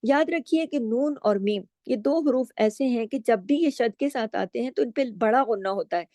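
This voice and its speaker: A woman teaching Quran recitation rules, slowly chanting verses and then explaining each word patiently. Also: on the high side, dark tone, no echo, studio quality. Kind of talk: tajweed lesson with slow recitation.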